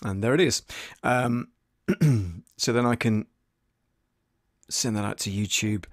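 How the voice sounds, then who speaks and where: Slow and lowish, this man's voice carries no room sound. He's an audio producer and live-stream host in his fifties, casually hosting a tutorial for viewers from a small soundproofed home studio in a converted shed, speaking close to a desk condenser mic.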